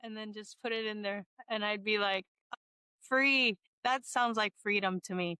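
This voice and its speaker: A middle-aged woman hosts a casual interview. Her voice is smooth and resonant, recorded dry and close. She rambles warmly, laughs often and restarts her sentences as she thinks aloud. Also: mid-range voice, fairly even intonation, moderate pace, dry recording. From Hawaii. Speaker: podcast host.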